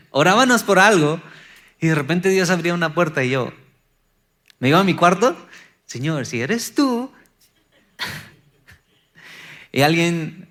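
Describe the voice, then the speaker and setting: Guy preaching a sermon, pastor voice a bit high, gets loud and emphatic in spots. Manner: preaching with rising emphatic bursts and acted quotes.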